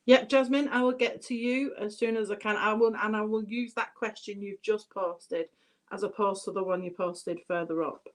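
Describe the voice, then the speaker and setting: A woman's voice: medium pitch, steady tone, moderate pace. A British woman giving a chatty live tarot reading, addressing viewers by name and thinking aloud as she turns the cards. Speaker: tarot reader.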